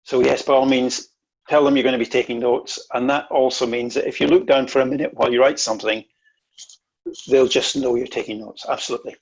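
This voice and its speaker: A husky-voiced man leads an online workshop, coaching listeners emphatically and doubling back on his words. His voice comes through muffled, lo-fi video call audio. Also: medium pitch, steady tone, a little fast. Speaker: workshop presenter.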